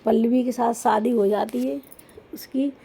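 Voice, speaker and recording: A woman's voice: a little high, steady tone, a little slow, gravelly, warm tone, slightly rough. A woman retelling a folk story in a loose, informal way, with frequent restarts.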